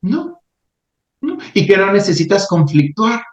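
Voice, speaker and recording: A man hosting a talk, speaking calmly and reflectively with frequent restarts. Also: high voice. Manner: calm, reflective, halting with restarts. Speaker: podcast host. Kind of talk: reflective spiritual talk and storytelling. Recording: roomy, slightly muffled recording.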